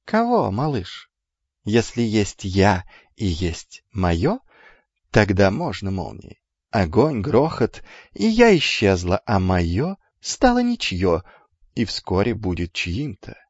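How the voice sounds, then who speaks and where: A man voicing a calm, sly trickster god in disguise who speaks in a hushed, unhurried, teasing way. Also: on the low side, no echo, lo-fi sound, heavily acted. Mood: musing.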